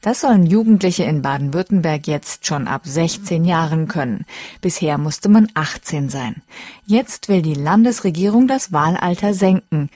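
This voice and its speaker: A woman reading a short radio news item in a brisk news delivery. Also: low voice, animated, darkish tone, dry recording. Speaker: newsreader.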